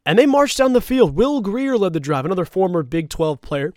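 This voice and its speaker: High-voiced excited sports talk host. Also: male voice, dry recording, clean studio sound. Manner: excited and emphatic, quick asides.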